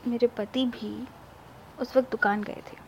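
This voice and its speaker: Woman reading a spicy story, slightly high voice with vocal fry, muffled lo-fi sound. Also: steady tone, a little slow, a little hiss or hum. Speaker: story narrator. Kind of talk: sensual first-person story narration.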